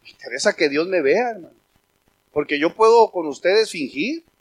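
A man delivers a sermon from the pulpit. His voice sits high for a man. He preaches with emphasis, turning to the congregation and calling them brothers. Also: animated, normal speed, breathy edge. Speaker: pastor.

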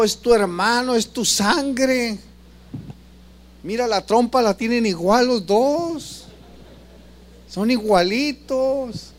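A man preaching a sermon as pastor, asking the congregation questions and swinging between loud passages and soft ones. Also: high voice.

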